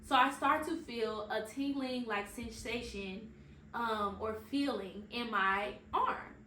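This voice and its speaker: A woman's voice: fairly high pitch, slow pace, slight background noise. Chatty woman in her thirties, echoey room. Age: 30s. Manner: chatty and animated, slangy asides to listeners. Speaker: podcast host. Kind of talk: casual storytelling.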